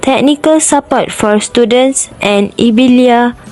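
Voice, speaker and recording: Young woman reading a list of scholarships, a bit high pitched, plain delivery. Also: unhurried, darkish tone, faint music behind, poor audio. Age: young adult. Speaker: documentary narrator. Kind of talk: read narration.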